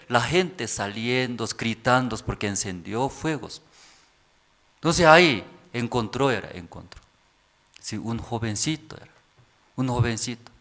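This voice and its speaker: A man pastor preaching a sermon in halting, simple phrases, often checking with the congregation through rhetorical questions. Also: medium pitch, fairly bright tone.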